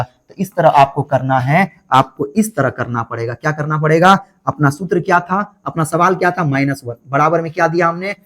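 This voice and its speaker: A male math teacher explains a problem step by step. He keeps asking the class questions and answering them himself, repeating the key points. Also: on the high side. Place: online class, voice over board writing.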